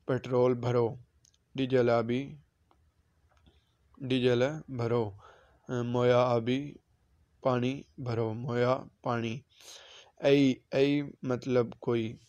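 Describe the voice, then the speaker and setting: Man, native Urdu speaker, teaching a casual vocab lesson, flat even delivery, dry close sound. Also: medium pitch, no room sound. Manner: repeats each word slowly with its meaning. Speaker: Arabic language teacher.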